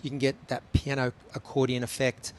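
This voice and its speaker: A man in a mid-pitched voice calls a live race, breaking down the tactics in a relaxed, chatty way. Frequent ums fill the gaps between his points, and faint noise sits behind him. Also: a little fast. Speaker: race commentator. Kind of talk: live sports commentary.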